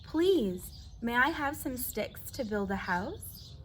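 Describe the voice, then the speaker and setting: Woman doing a high-voiced plucky little javelina. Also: sing-song, slow pace, a bit bright, slight background noise, heavily acted. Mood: polite. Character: little young male javelina, plucky and innocent.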